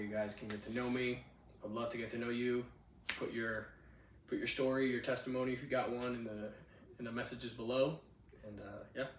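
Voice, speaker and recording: A Cuban-born man in his twenties hosts a casual home podcast from a spare bedroom, holding a handheld mic and telling personal stories. His mid-range voice sounds distant in an echoey room, with slight background noise and low recording quality. He's laid-back and chatty, often saying "you know what I'm saying."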